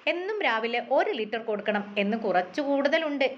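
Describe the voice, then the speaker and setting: A woman's voice: a little high, lively intonation, a little fast, dull audio, a little hiss or hum, lightly acted. A woman voicing a wistful young man who asks light, teasing questions in a story reading.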